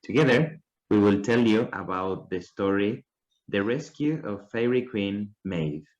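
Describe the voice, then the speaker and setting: A man's voice: on the low side, animated, a little slow, a little mellow. A man from Argentina, a teacher introducing his students' class presentation. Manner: introducing the group. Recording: muffled lo-fi sound.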